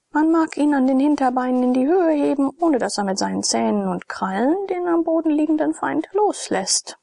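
A woman narrating a classic novel as an audiobook, reading in a dramatic, expressive way. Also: on the high side, gravelly, husky, no echo.

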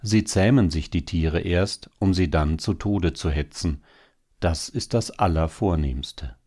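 A consoling male hare, wry and gloomy, speaking with low, deep calm, as a man reads him. His dark, mellow voice soothes while his words carry quiet bitterness, a storybook animal in a sober tale. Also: a little slow. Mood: bitter. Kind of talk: storybook reading.

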